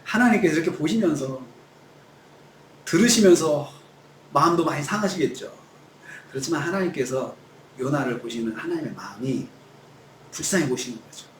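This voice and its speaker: Pastor guy preaching, high lively voice, echoey church room with a bit of hiss. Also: normal speed, long pauses. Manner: animated, acts out quoted lines in shifting voices. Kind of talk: sermon. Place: church sanctuary.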